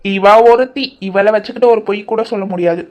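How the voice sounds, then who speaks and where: A woman's voice: medium pitch, a little fast, dull audio, close to an everyday voice. A woman voicing a bossy, cheeky young village woman who talks brash and teasing in a cartoon comedy. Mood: defensive.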